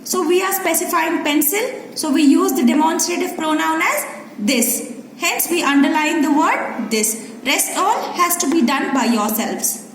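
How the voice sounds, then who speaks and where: A woman with an Indian English accent teaching a grammar lesson to schoolchildren, explaining step by step and often checking "Clear?". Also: extremely high pitch, animated, unhurried. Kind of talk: recorded classroom grammar lesson. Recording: echoey room with faint ambient noise.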